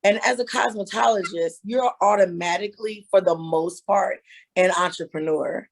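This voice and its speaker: A woman in her thirties, a hairstylist and author, appears as a guest in a casual interview, telling stories candidly and laughing. Her mid-range voice moves at normal speed with some vocal fry.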